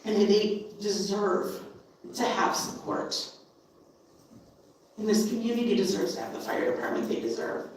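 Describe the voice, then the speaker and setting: A woman giving an impassioned public comment at a council meeting, forceful and insistent, repeating points for emphasis. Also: mid-range voice, fairly even intonation, a little slow, pauses often, slight background noise. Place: council chamber. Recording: very echoey hall from far off.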